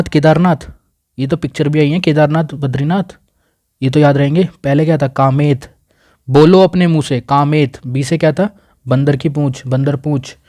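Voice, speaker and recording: A young man teaches at a whiteboard with a mellow, dark voice. He drills place names again and again and keeps prodding his students to repeat them aloud. His delivery is informal and coaxing. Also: fairly high pitch. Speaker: exam coaching teacher. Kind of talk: whiteboard lesson. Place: indoors at a whiteboard.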